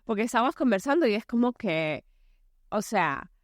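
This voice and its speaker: A woman's voice: fairly high pitch, lively intonation, normal speed, no echo. Female podcast host, forties, casual solo monologue, lots of "eh", dry close mic. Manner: chatty, many fillers, acts out quoted voices. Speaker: podcast host and anger coach.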